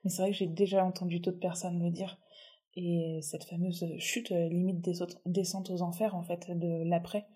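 A woman's voice: fairly low pitch, level tone, moderate pace, dark tone, slightly rough. A woman hosting an interview podcast, talking thoughtfully and reassuringly. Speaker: podcast host. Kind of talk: reflective interview conversation.

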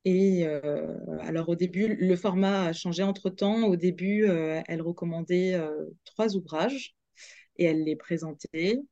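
A woman's voice: on the low side, measured pace, dark tone, no echo, highs cut off. A young woman, a radio journalist, chatting as a guest in a podcast interview, hesitant with many fillers and restarts.

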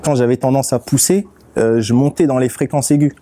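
A man, a rapper and beatmaker, speaking as a guest in a casual interview, relaxed and unhurried, often pausing to search for his words. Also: mid-range voice. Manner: relaxed, unhurried, with many fillers and restarts.

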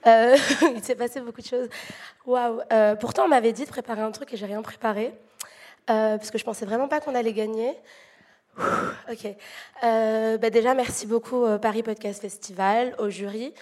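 Hoarse woman with a gravelly, broken voice. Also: a little high, steady tone, brisk, darkish tone. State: hoarse from shouting. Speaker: award winner giving an acceptance speech. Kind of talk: unprepared thank-you speech.

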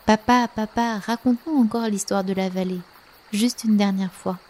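A woman's voice: medium pitch, steady tone, moderate pace, darkish tone, a little hiss or hum, lightly acted. A woman voicing two little catfish children begging their father for a bedtime story in a storybook. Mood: pleading. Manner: pleading. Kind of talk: storybook voice acting.

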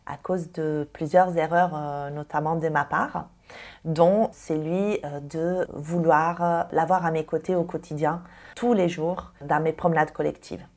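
A woman in her thirties from Italy, a dog trainer answering interview questions thoughtfully with many pauses and fillers. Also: sits low, a little mellow. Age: 30s.

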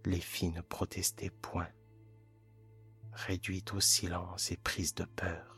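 A man reading a classic short story aloud as a calm, hushed bedtime narration. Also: sits low, faint music behind. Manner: calm, hushed, measured delivery. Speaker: audiobook narrator.

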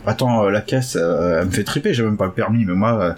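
A man hosting a casual chat who hesitates a lot and jumps up excitedly in pitch now and then. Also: fast talker, a little hiss or hum. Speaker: podcast host learning Chinese.

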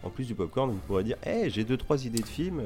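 A man's voice: medium pitch, big pitch swings, fast. A man co-hosting a film podcast, chatty and joking as he recommends films. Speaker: podcast co-host. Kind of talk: casual film chat.

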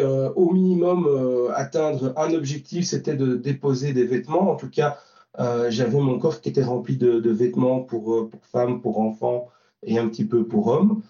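A man's voice: mid-range voice, moderate pace, mellow. A man from Belgium recounting a trip in an interview, hesitant, with many fillers and restarts. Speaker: volunteer driver recounting trip. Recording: distant, roomy, dull lo-fi sound.

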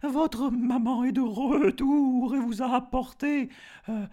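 A man voicing a sly wolf who fakes a sweet mother goat's voice in a comic storybook reading, wheedling in falsetto. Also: steady tone, slow pace, warm tone. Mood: sugary coaxing.

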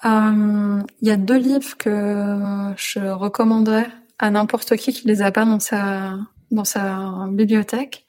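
A woman talks as a podcast guest in a relaxed, casual way. She hesitates often and fills her pauses with drawn-out filler sounds, and her pitch sits in a middling range. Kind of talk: casual interview chat.

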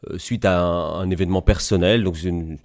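A man's voice: low-pitched, steady tone, fairly quick, a little mellow. A man in his forties from Belgium, an osteopath telling his story as an interview guest, hesitant with many fillers and restarts. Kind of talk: conversational interview.

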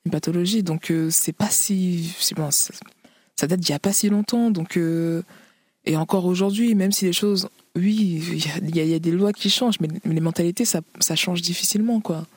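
A woman's voice: lowish voice, fairly quick, a little mellow, breathy edge, no echo. A woman author from the Paris region, interviewed, speaking hesitantly with many fillers and frequent laughs. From Paris region, France. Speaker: author guest. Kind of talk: interview conversation.

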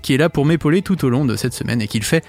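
A man's voice: medium pitch, animated, very fast, a little mellow, soft background music. A man hosting a radio magazine show in a chatty, welcoming way, his diction slightly impaired after having his wisdom teeth out. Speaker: radio host. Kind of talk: upbeat magazine show presenting.

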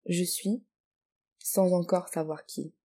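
A woman's voice: on the low side, fairly even intonation, takes it slowly, mellow, husky. A woman in her twenties from France, reading her own reflective text and then speaking as a guest with hesitant restarts. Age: 20s. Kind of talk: reading own poetic text, then casual interview talk.

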